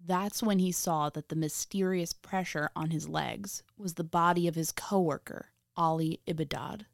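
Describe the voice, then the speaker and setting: A woman hosting a podcast, reading scripted true crime narration in a measured, dramatic storytelling manner. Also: lowish voice, gravelly, dry recording, studio quality. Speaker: podcast host.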